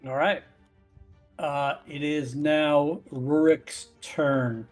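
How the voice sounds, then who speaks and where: A man's voice: a little high, steady tone, extremely slow, faint music behind. A man running a tabletop role-playing game, calling for rolls and narrating what happens. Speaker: game master.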